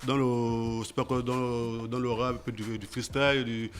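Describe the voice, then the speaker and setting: A man's voice: mid-range voice, little pitch movement, moderate pace, a little hiss or hum. A man managing a musician, talking casually in a radio interview, often stammering and repeating words. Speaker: artist's manager. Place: radio studio.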